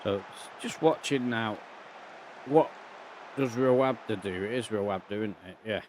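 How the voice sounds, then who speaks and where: A man's voice: lowish voice, a little slow, darkish tone, a little hiss or hum. A man, out of breath, casually commentating over a football management game and thinking aloud as the match plays out. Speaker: video game player and channel host.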